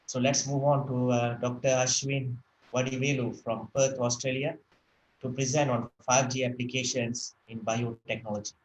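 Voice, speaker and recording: A man's voice: mid-range voice, little pitch movement, moderate pace, roomy sound, a little hiss or hum, poor audio. A man moderating an online conference, thanking speakers and introducing the next one politely.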